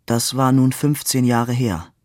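A man reading a novel aloud in a measured, expressive way. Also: medium pitch, dry recording, studio quality. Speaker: reader. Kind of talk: literary reading.

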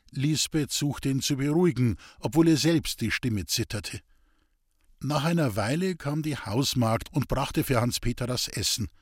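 Lively male audiobook narrator, dry close sound. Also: medium pitch, dry recording. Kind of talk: scripted literary narration.

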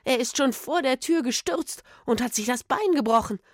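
A woman's voice: high-pitched, lively intonation, normal speed, no room sound, clean studio sound, voice pushed up. A woman voicing a fearful, superstitious old village woman who hisses urgent warnings, in a children's audio story. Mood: insistent. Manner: hissing, urgent and imploring.

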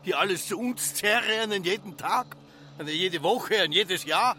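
A middle-aged actor with an Austrian accent uses a high, sharp-toned voice, speaking unhurriedly over a little hiss or hum. In a literary radio drama he plays an obsessed, embittered farmer father, brooding and incantatory, with an agitated mood.

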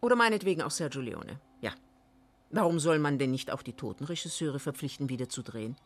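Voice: mid-range voice, animated, fast. A performer in a radio play voicing an ironic commentator who speaks straight to the listeners in a mock-solemn manner.

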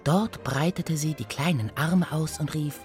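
A woman reading a children's story aloud as narrator, in a slow, lively storytelling manner. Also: sits low, faint music behind.

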